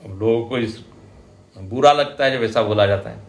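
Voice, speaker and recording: A man with an Indian accent giving a scripture lecture, explaining slowly and deliberately and chanting example verses now and then. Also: on the low side. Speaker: spiritual teacher. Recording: roomy hall echo.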